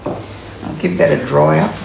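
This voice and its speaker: Low-voiced older Australian woman demonstrating cooking. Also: a little slow, creaky. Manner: chatty, rambling, frequent ums. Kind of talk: casual cooking tutorial. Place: home kitchen, indoors. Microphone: camera mic from mid distance. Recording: roomy kitchen with steady noise.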